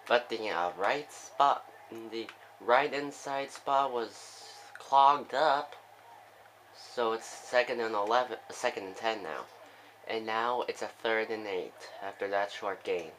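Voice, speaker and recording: A young man giving casual play-by-play commentary on a football video game, with excitable bursts on big plays and chatty asides. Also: on the low side, slow pace, slight background noise, rough recording.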